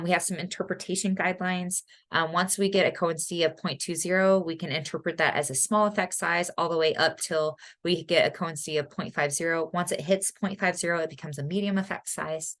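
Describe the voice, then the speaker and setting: A woman's voice: lowish voice, fairly even intonation, a little fast, few pauses, fairly bright tone. A woman lecturing online as a college statistics instructor, chatty, with frequent ums and self-corrections.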